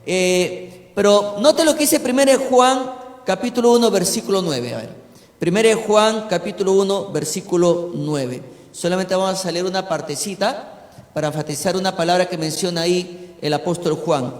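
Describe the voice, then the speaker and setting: A man's voice: sits high, moderate pace. A man preaching as a pastor, teaching a congregation and often checking in with "¿no?". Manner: preaching with frequent "¿no?" check-ins. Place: church hall. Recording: echoey church hall with long reverb.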